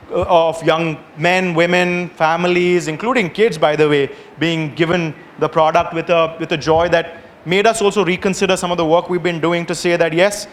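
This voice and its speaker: A man presents agency work to clients in a slightly high voice. His phrasing is careful and broken by small check-in questions, with faint noise behind him.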